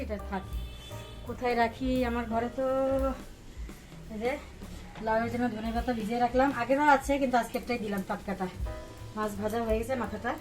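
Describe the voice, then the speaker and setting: High-voiced woman chatting through her chores. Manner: chatty, talks to viewers while doing chores; playful and laughing with her small son. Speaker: vlogger. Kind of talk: casual cooking and home vlog.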